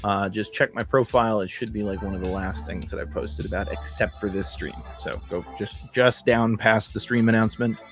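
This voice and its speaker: A man's voice: lowish voice, fairly even intonation, brisk, hardly any pauses. A man with a cold hosting a casual livestream, talking in a profane, sardonic, chatty way. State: has a cold. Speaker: livestream host. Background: faint background music.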